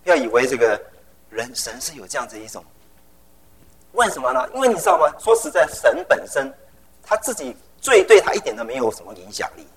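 A middle-aged man preaching a sermon. He talks in an animated way, drops English phrases into his speech and tells personal stories with vivid sound words. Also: medium pitch, a little fast, poor audio.

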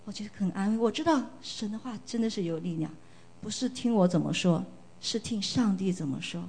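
A woman's voice: medium pitch, lively intonation, a little fast, a little mellow, breathy edge. A middle-aged woman from China giving an earnest, emotional church testimony, often repeating phrases for emphasis.

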